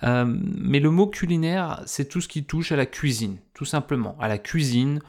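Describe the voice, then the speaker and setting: A man teaching French vocabulary to learners, slowly and patiently explaining words with lots of repetition and speaking informally to the listener. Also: a little high, darkish tone. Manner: addresses listener informally, fillers.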